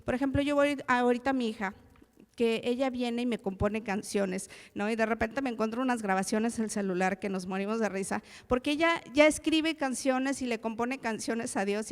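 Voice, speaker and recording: A woman delivers a sermon in a warm, chatty preaching style, turning to her listeners with questions. Her voice is slightly high. A long reverb trails every phrase, as in a large hall. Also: smooth. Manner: conversational, addresses listeners directly with tag questions.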